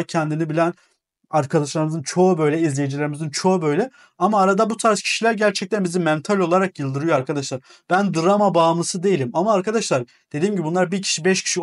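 A man hosting a gaming channel, talking casually and with exasperation as he answers comments, lecturing and repeating words for emphasis. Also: sits high. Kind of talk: casual monologue replying to comments.

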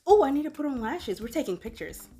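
A woman's voice: sits high, very animated, quick pace, dark tone, faint music behind. A young woman chatting casually at home as she reviews and tries a beauty product, with self-deprecating fillers. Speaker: beauty vlogger.

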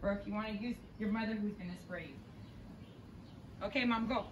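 A woman's voice: medium pitch, moderate pace, muffled recording, background noise. A young woman leading kids through backyard water games outdoors, jokey and bubbly, laughing often. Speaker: activity leader. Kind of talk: playful outdoor activity demo for kids.

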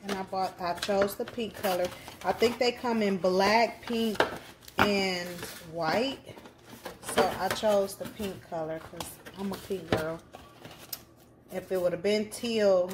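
A woman's voice: medium pitch, steady tone, unhurried, heavy background noise. A woman hosting her own crafting channel, chatting casually and upbeat through an unboxing.

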